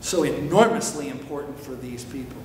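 A man preaching a sermon, emphatic and animated, firing rhetorical questions, recorded in an echoey church hall. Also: mid-range voice, normal speed, a little hiss or hum. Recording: echoey hall with long reverb.

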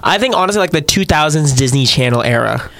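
A man's voice: a little high, fast talker, gravelly, no room sound. A young man from Las Vegas co-hosting a student podcast in casual, gushing chat. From Las Vegas, USA. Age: young adult. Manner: chatty, gushing, excitable. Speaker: co-host, college student.

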